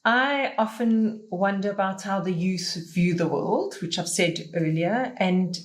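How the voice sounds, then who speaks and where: A woman's voice: medium pitch, measured pace. A middle-aged woman hosting a podcast panel, speaking thoughtfully with fillers and restarts. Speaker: podcast host. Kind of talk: casual panel discussion.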